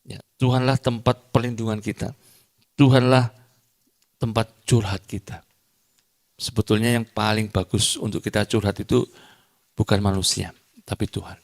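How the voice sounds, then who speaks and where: A middle-aged preacher from Indonesia delivers a church sermon. He goes from loud, emphatic declarations down to quiet, confiding asides and teases the congregation now and then. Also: lowish voice, fairly even intonation, moderate pace. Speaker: evangelist preacher. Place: church hall during a service.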